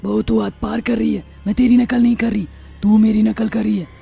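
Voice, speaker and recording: A bossy old witch mother-in-law snaps and taunts in a rough, gravelly, dark voice, as a woman acts her out. It is a cartoon role, with soft music playing underneath. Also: fairly high pitch, little pitch movement, a little fast, full character voice. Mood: scolding. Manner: scolding, taunting. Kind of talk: cartoon voice acting.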